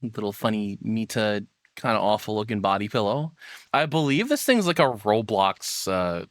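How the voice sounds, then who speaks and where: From his own room, a man hosts a livestream, rambling casually to viewers and poking fun at himself. His lowish voice is expressive at normal speed, captured close and dry through a processed streaming mic with studio-quality sound.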